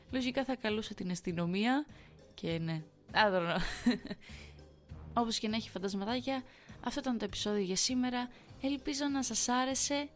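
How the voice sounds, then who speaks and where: Woman narrating a horror podcast. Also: medium pitch. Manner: chatty, friendly sign-off. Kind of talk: reading creepy stories aloud.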